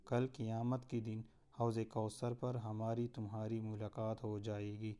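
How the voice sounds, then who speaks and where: A man's voice: fairly low pitch, monotone, dark tone, clean tone, lightly acted. A man voicing a devout older cleric who grieves but holds firm, in an earnest, solemn way.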